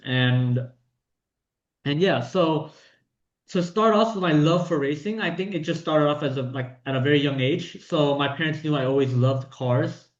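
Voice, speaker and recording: Young man from Vietnam, chatty interview guest, lots of ums, dull echoey room recording. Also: a little high. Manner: talkative, fillers and restarts. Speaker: guest racing driver. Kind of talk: casual interview answers.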